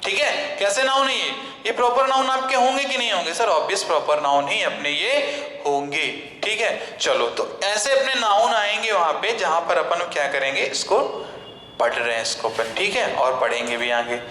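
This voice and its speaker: High, bright Indian male teacher, echoey room. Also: expressive, normal speed. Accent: Indian English. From central India. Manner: quizzes students and answers for them, repeating key terms. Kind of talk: online English grammar lesson. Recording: echoey room with long reverb.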